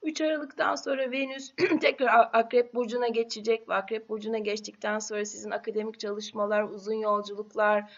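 Brief: woman astrologer, horoscope talk, slightly hoarse, higher voice, halting and unhurried, muffled lo-fi sound. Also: level tone. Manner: unhurried, often pauses with drawn-out filler sounds and lists. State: voice slightly hoarse after illness. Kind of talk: monthly horoscope talk to camera. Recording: dull lo-fi recording.

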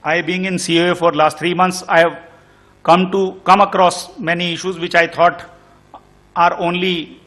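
A middle-aged man with an Indian English accent speaks into a table microphone on a stand as a conference panelist. His high voice is fairly bright, flat in delivery and moderate in pace, and his remarks come across earnest and concerned as he keeps restarting his sentences.

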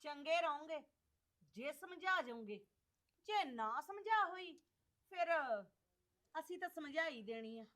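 A woman's voice: high-pitched, lively intonation, a little slow, long pauses, fairly bright tone. An actress playing an indignant middle-aged mother-in-law who scolds and complains.

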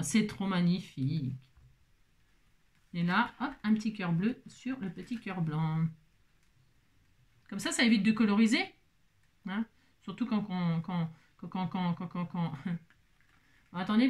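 A woman's voice: on the low side, darkish tone. A woman hosting a craft tutorial, chatting playfully to viewers and to herself as she works. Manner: talks to herself and viewers while working, playful teasing asides.

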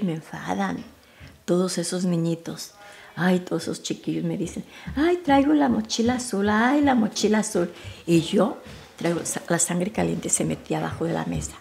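Older Mexican woman, soft low rambling voice. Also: creaky. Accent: Mexican Spanish. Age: 70s. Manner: rambling and halting, with frequent restarts and soft, near-whispered asides. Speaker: mother recalling family memories. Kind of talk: informal family storytelling.

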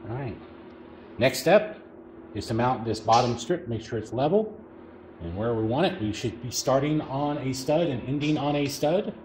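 A man's voice: medium pitch, darkish tone, reverberant, a little hiss or hum. A middle-aged man giving a casual, step-by-step how-to walkthrough in a large garage, with the occasional filler word as he explains. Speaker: DIY home improvement vlogger. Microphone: camera on tripod, across the garage.

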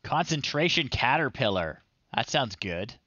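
A middle-aged man hosts a retro game livestream from a small indoor room, close on the mic, casually commentating and reading on-screen text aloud with wry, off-the-cuff humor. His mid-range voice swings widely in pitch at a measured pace, sounding pushed and bright. The lo-fi recording has no echo.

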